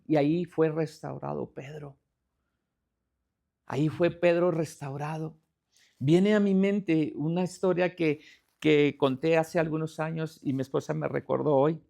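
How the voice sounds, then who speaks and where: Pastor guy preaching, high gravelly voice, keeps asking the church questions. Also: a little slow, mellow. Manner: preaching with rhetorical questions to the congregation. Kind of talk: sermon.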